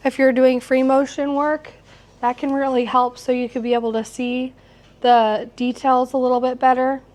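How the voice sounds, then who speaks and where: A middle-aged woman with a slightly hoarse voice, teaching an informal hands-on quilting class. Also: high-pitched, level tone, moderate pace, darkish tone. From United States, located in Missouri. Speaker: quilting instructor. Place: shop workroom with warehouse shelving, small seated class. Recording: clear background noise in shop room.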